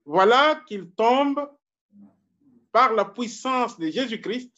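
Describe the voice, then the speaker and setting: Congolese-born pastor guy preaching real slow, repeats his lines, kinda dull muffled recording. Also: very high voice, expressive, bright, forceful tone. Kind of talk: sermon.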